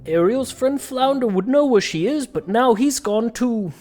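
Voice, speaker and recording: A woman's voice: on the high side, lively intonation, unhurried, mellow, soft background music, pitched above the performer's own voice. A woman voicing an anxious male crab court musician in a game, attempting an island accent. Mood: worried.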